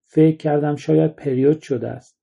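A man's voice: fairly high pitch, steady tone, creaky, dark tone, muffled recording. A man reading a somber first-person short story aloud as its narrator.

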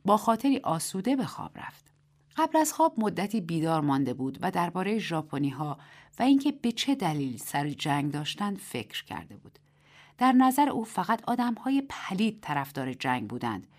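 A woman reading a literary short story aloud as narrator and host, in a measured, dramatic reading. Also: on the low side.

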